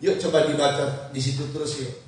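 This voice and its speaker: Animated man preaching in an echoey hall. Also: on the high side, brisk. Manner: animated, calls out responses to scripture reading. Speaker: pastor. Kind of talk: sermon. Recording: echoey hall from far off, faint noise.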